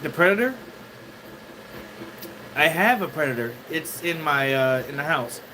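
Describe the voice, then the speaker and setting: A man's voice: on the high side, animated, background noise. Rambling man chatting on a livestream. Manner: rambling, halting, greets chat viewers. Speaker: 3D printing livestreamer. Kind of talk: casual livestream chat. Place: home studio.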